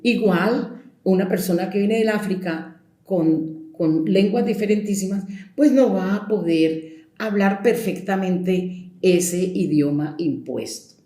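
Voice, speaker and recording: Woman, Colombian accent, storyteller, mellow tone, emphatic drawn-out words, echoey room. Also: medium pitch. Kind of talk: reflective spoken talk.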